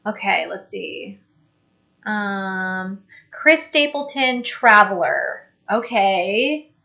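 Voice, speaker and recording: A woman's voice: medium pitch, lively intonation, very slow, creaky, pushed and bright. A young woman co-hosting a casual live stream, reading viewer comments aloud and laughing easily. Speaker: co-host reading live chat.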